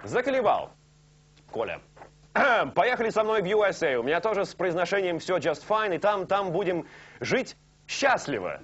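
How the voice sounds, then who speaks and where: This young late-night TV host has a high-pitched, slightly breathy voice and speaks at a moderate pace. Lounging on the studio sofa, he keeps up animated, teasing banter live, recorded on dull lo-fi broadcast tape.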